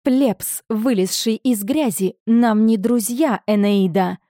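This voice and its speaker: An imperious noble mother with a cruel temper, as a woman reads her, who hisses and snaps out commands. She sits a little above a normal speaking pitch, with a forceful, cutting edge. The voice is dry and close to the mic. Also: normal speed, dry recording, lightly acted. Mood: furious. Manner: hissing, commanding.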